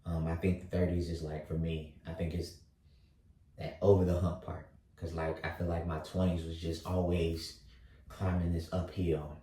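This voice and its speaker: A thirty-year-old man vlogging, talking slowly through his thoughts with lots of fillers and restarts. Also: deep voice, flat delivery, mellow, far from the mic. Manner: halting, many fillers and restarts. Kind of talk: reflective casual monologue. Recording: roomy echo, voice set back from mic.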